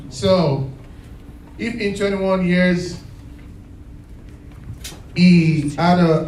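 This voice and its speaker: A man's voice: fairly high pitch, slight background noise. Roomy-sounding male event host. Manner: lively, encouraging, calls for applause. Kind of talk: live event hosting. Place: event hall. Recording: roomy sound from a distant mic.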